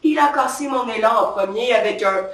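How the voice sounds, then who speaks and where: On a theatre stage, a female stand-up character performer plays a brash, trigger-happy policewoman who is touchy, bossy, and proud of her power in a satirical comic monologue. Her voice is a little high, a little fast, and close to everyday speech, recorded from afar with roomy stage sound.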